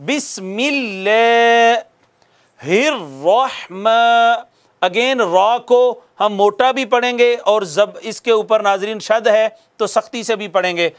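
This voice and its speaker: A man teaches Quran recitation in a very high voice. He speaks slowly and patiently, drawing out each recited word so students can follow. His explanations are calm and deliberate. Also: smooth. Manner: slow, patient, repeats drawn-out recited words for students to follow. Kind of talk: slow spoken tajweed lesson with recited examples.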